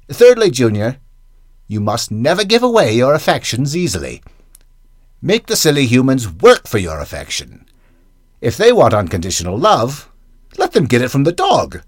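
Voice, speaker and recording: A man's voice: mid-range voice, huge pitch swings, moderate pace, breathy edge, no echo, clean studio sound. A man voicing a smug, scheming male house cat who lectures a kitten in a sly, theatrical way. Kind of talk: comic monologue reading.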